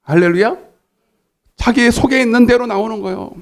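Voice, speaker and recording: A man pastor preaching a sermon in a church, emphatic, calling out for the congregation's responses. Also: fairly quick. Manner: emphatic, swings pitch up and down. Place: church sanctuary.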